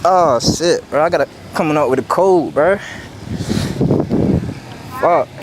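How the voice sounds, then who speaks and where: Out on a city street, a young man hosting a prank video talks in slang and pleads that he's sick, his somewhat high voice keeping a measured pace. The outdoor camera mic picks up loud street noise.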